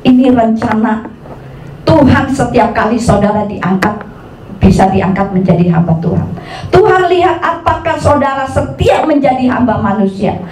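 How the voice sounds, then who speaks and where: High-voiced woman preaching in an echoey hall. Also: normal speed, distant mic, a little hiss or hum. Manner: lively, mixes Jakarta slang with preaching, acts out quoted voices. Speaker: pastor. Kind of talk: sermon. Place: church hall.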